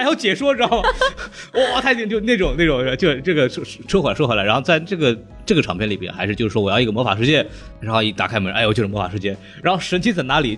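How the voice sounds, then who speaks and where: A man's voice: on the high side, fairly bright tone. A man hosting a podcast, retelling cartoon plots in casual chat, rambling along and laughing often. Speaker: podcast host.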